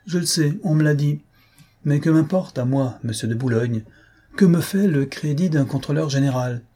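A man's voice: a little high, normal speed, dark tone, husky, voice pushed up. A man reading an audiobook, voicing a proud, hot-tempered young chevalier in an agitated, curt manner. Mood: indignant.

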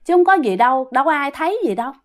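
A woman's voice: high-pitched, sing-song, very fast. A woman with a Southern Vietnamese accent telling a ghost story casually, often addressing her listeners directly.

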